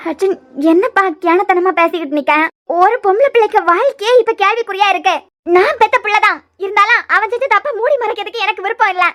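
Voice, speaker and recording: A woman's voice: very high voice, fast, fairly bright tone, pitched above the performer's own voice. A woman voicing a stern, indignant mother in a cartoon serial, with a Kanyakumari Tamil accent. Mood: scolding. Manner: scolding, indignant.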